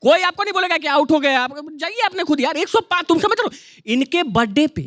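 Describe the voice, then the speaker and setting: High-voiced young stand-up comic. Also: male voice, animated, a little fast, dry recording. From Jharkhand, India. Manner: chatty, teasing, exaggerated storytelling. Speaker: stand-up comedian. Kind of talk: stand-up comedy. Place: studio stage with live audience. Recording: loud studio audience and noise.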